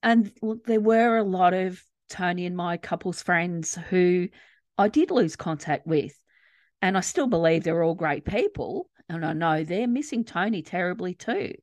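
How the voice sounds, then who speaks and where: A woman's voice: lowish voice, animated, measured pace, dry recording. A woman co-hosting a podcast, talking earnestly and reflectively about friendship and loss. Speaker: podcast co-host. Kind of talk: casual grief podcast chat.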